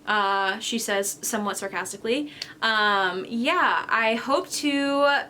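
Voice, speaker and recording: Chatty bright-voiced young woman, tired. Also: a little high, slow pace, a little hiss or hum. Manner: chatty, rambling, lots of fillers. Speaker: knitting podcast host. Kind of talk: casual chat.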